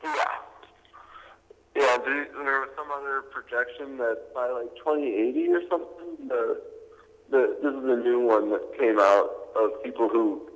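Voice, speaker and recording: A man's voice: medium pitch, fairly even intonation, measured pace. Young guy on speakerphone, chatty and rambling, echoey long reverb. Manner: rambling, lots of "like" and restarts. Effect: heard over a phone speaker. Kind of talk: casual chat.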